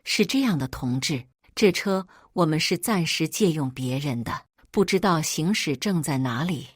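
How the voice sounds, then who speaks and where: A woman's voice: sits low, animated, moderate pace, slightly rough, no room sound, clean studio sound. A woman voicing an indignant young male driver who protests urgently, in a storytelling reading. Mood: protesting.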